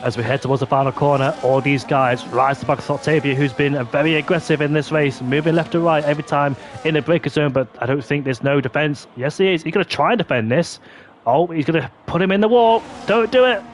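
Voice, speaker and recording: A man's voice: fairly high pitch, fast talker, hardly any pauses. Male motorsport commentator over engine noise. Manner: excitable play-by-play, exclaiming at on-track action. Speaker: esports racing commentator. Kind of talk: motorsport commentary of an online sim racing league.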